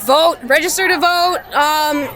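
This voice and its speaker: A woman's voice: high voice, measured pace, background noise. A woman in her twenties, a protester, answering earnestly in a street interview. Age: 20s. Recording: loud crowd and music outdoors.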